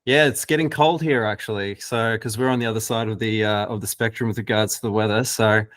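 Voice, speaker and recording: A man from Australia with an Australian accent, chatting as a podcast guest in a relaxed, laid-back way. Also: fairly low pitch, brisk, no echo, clean studio sound. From Melbourne, Australia. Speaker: guest producer. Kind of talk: casual podcast chat.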